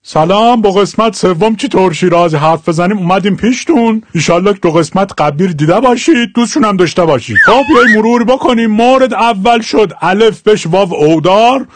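A man's voice: high voice, lively intonation, a little hiss or hum. Joking young man with a Shirazi accent. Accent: Shirazi Persian. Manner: chatty and joking, slows down to spell out examples. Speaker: dialect teacher. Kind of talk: casual video lesson.

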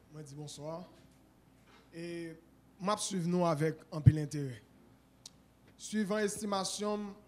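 A man's voice: on the high side, a little mellow, close to an everyday voice. A man with a Haitian accent playing a formal, speechifying political candidate in a mock debate sketch. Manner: formal, speechifying, switches into Creole.

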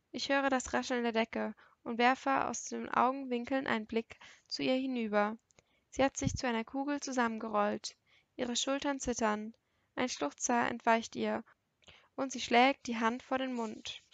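Gravelly-voiced woman reading a novel. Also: fairly high pitch, no room sound, highs cut off. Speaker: audiobook narrator. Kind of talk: first-person novel reading.

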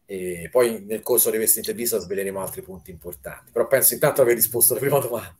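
A man with a fairly low voice talks eagerly as a guest on a live stream. He keeps restarting words in his rush to explain. The sound comes through a video call. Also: racing, a little mellow. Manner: talkative, enthusiastic, often restarts words. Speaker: fan film maker, guest. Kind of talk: casual live-stream interview.

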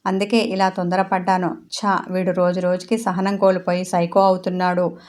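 A woman voicing a caring young man who scolds his friend and then speaks gently and with guilt in a storybook reading. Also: on the low side, flat delivery, normal speed, close to an everyday voice. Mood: remorseful.

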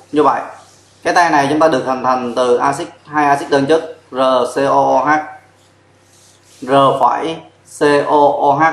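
Male chemistry teacher, mid-pitched, patient step-by-step board explainer, echoey room. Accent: Vietnamese. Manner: explains step by step, spells out formulas letter by letter. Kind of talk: whiteboard chemistry lesson. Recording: echoey classroom sound.

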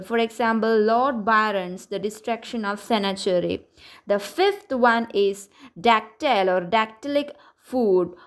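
Higher-voiced woman teaching poetry terms. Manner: steady, methodical, listing terms with examples. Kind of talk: explanatory lesson.

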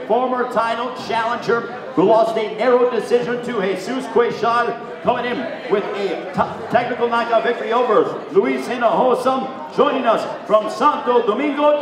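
A man announcing a boxing weigh-in on a handheld microphone, showy and booming, drawing out names like a lucha libre announcer. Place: large indoor hotel event room. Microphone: handheld microphone through PA. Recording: very echoey hall PA, crowd behind.

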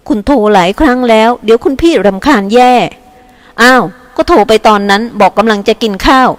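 A bossy older housekeeper scolds and teases in quick banter, read aloud by a woman narrator. Her lines come with a firm, chiding edge. The sound is dry and close to the mic. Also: on the high side, expressive, a bit bright, no echo.

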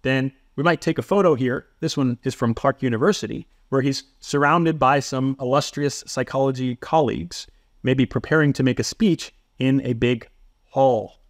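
A man talks through a psychology lesson in a steady, methodical way, with a dry, self-deprecating wit. His voice sits at an ordinary middle pitch. The recording is close and dry, with no room sound around it. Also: normal speed, dry recording. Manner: methodical, explanatory delivery. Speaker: psychology instructor. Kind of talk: scripted educational narration.

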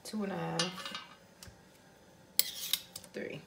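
A woman's voice: on the low side, fairly even intonation, extremely slow, creaky, heavy background noise. A woman giving a casual cooking demonstration in her home kitchen, chatting offhand while she measures. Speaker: cooking vlogger. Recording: loud kitchen clatter of dishes and utensils.

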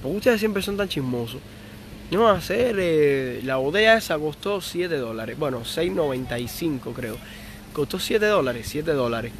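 A man's voice: fairly high pitch, expressive, moderate pace, slight background noise. Chatty Cuban man on a live stream. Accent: Cuban Spanish. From Cuba. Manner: chatty, reads viewer comments aloud and answers them. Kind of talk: casual live stream chat.

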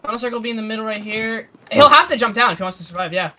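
A young man giving quick, excited callouts and counting kills during a shooter game, swearing when things go wrong. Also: sits high. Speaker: gamer. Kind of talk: casual team callouts while gaming. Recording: loud game music behind voice.

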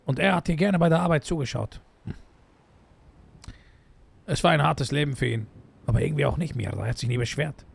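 A man's voice: mid-range voice, creaky, husky. A young man playing a joking roleplay character in a video game, tossing Spanish words into his talk.

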